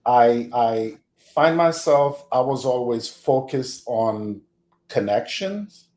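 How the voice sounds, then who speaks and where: Slow, reflective Haitian-born man. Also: mid-range voice, lively intonation, warm tone, reverberant. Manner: slow, reflective, chuckles often. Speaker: guest. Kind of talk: podcast interview.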